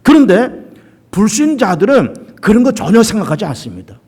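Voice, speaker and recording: Male pastor in the pulpit, high and animated voice, repeats key lines for emphasis. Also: normal speed, breathy edge. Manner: emphatic repetition and rhetorical questions. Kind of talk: sermon.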